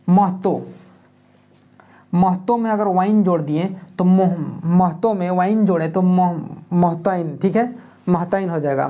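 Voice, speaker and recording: A woman with a Jharkhand Hindi accent gives an exam-prep grammar lesson. Her voice sits a little low and sounds mellow and relaxed. She explains step by step and keeps checking that her students follow. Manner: explanatory, repeats "ठीक है" often, reads Nagpuri lines aloud. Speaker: teacher.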